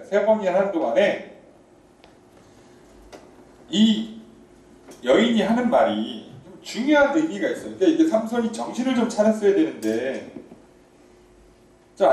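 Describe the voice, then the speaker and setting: A male pastor preaching a sermon in a church, talking to the congregation in a conversational, animated way and asking them questions. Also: sits high. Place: church sanctuary. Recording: echoey church hall, voice from far off.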